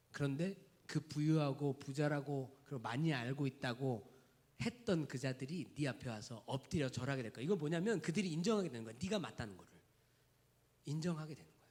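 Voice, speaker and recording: A male pastor preaching a sermon in a direct, conversational way, dropping to hushed near-whispers and building to loud, rising emphatic lists. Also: mid-range voice, animated, normal speed, long pauses, husky. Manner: speaks to the congregation in a direct, conversational tone.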